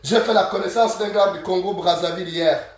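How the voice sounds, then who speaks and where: A man from Gabon with a Gabonese French accent, ranting straight to camera as an online activist, scolding and insulting his listeners and repeating proverbs slowly. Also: high-pitched, fairly even intonation. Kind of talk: angry direct-to-camera rant. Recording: very echoey room, from a distance.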